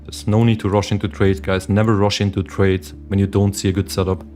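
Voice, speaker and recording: A young Swiss day trader hosts a casual livestream, reading chat questions aloud and chatting with his viewers while meditation music plays. He has a low, darkish voice, a flat delivery and a brisk pace.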